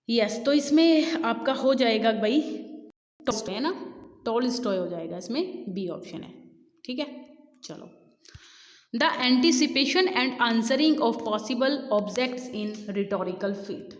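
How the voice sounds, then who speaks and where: Woman exam tutor, bilingual Hindi-English, patient step-by-step explanations, fairly high voice, roomy reverberant sound. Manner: explains answers step by step, mixing Hindi and English, fixes typos aloud. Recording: echoey room with long reverb.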